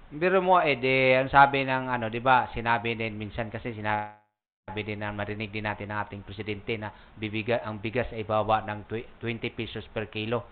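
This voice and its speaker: A man's voice: fairly low pitch, steady tone, a little fast. A man co-hosting a casual religious talk program, conversational, often chuckling and echoing his partner. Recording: tinny phone-like sound with faint noise.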